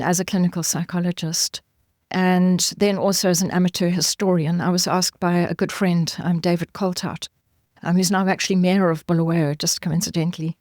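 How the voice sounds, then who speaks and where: A middle-aged woman from Zimbabwe, a guest forensic anthropologist, giving measured, earnest interview answers with frequent pauses and ums. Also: on the low side, darkish tone, dry recording, clean studio sound.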